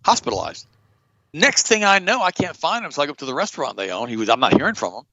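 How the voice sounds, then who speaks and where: Middle-aged man, fairly high voice, lively swings in pitch, dry dull-sounding mic. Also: fast, dry recording. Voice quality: animated, blunt, jumps up in pitch for emphasis. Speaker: podcast host. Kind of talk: casual storytelling chat.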